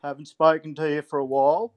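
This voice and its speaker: A man's voice: a little high, level tone, fast, darkish tone, no echo. A man with a broad Australian accent chatting casually as a blokey caller, repeating himself and swearing mildly and often. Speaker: phone-in caller, truck driver. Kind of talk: casual rambling chat.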